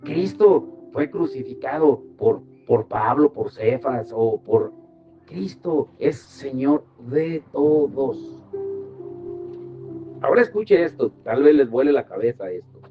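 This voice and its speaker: The pastor sounds animated yet slow here, at a medium pitch, as he teaches a devotional Bible study sermon. He sends listeners to verses and raises rhetorical questions for the group. Behind his slightly dull-sounding recording, music plays.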